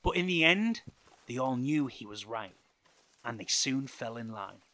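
A man reading a first-person story aloud as scripted narration, with an expressive delivery. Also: medium pitch, a little slow, no room sound.

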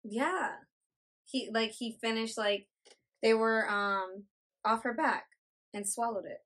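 A woman's voice: a little high, takes it slowly, a bit bright. A young woman co-hosting a casual podcast, speaking emphatically with lots of "like" and "um". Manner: casual, emphatic, filler-heavy. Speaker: podcast co-host. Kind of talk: casual chat.

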